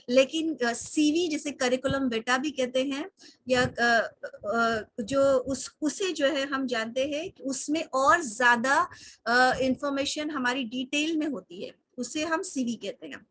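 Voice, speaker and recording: A woman teaching an online English lesson in Hindi, slowly spelling out and repeating words and mixing English into her explanations, heard through a computer mic on a video call. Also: sits high, fairly bright tone, no echo.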